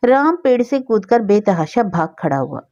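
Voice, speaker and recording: A woman narrating a story with a steady, expressive reading. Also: mid-range voice, normal speed, muffled recording.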